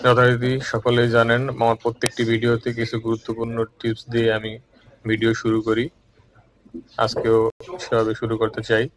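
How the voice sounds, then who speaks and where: A man from Bangladesh teaching a recorded language lesson, calm and measured, repeating each word twice. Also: medium pitch, slight background noise, poor audio.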